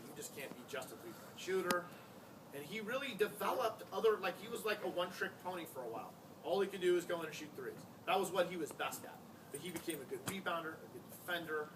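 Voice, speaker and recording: American coach speaking, distant and noisy recording. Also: male voice, a little high. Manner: conversational, anecdotal, emphatic repetition. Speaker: high school basketball coach. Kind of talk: informal end-of-season tribute speech. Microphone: distant microphone. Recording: noisy, distant-miked live room recording.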